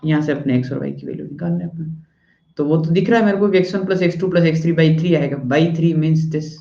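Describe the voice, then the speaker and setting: Male classroom teacher, chatty and blunt, checks in constantly; mellow voice, muffled lo-fi recording. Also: a little high, brisk, gravelly. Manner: chatty, keeps asking "okay?" after each point; scolds the class bluntly at times. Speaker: math and physics teacher. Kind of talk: classroom lecture in Hindi-English mix. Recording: echoey room, dull lo-fi sound.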